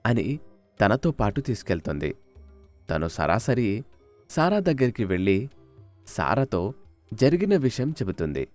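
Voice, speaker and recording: A man narrating a children's cartoon story in an expressive storytelling manner. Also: on the low side, measured pace, long pauses, soft background music.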